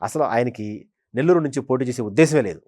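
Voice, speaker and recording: Here the senior journalist speaks in an animated, fast, mid-range voice with a slightly mellow tone. He offers conversational political analysis, stressing his points by emphatically repeating phrases.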